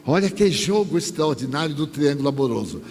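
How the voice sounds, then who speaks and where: A man gives a storytelling lecture, his voice sitting a little high for a man. He brings the dialogue to life as he narrates. The sound rings out in a large hall with a long echo and a faint hiss. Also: brisk. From Bahia, Brazil. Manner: animated storyteller, acts out dialogue with dropped voice. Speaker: spiritist lecturer.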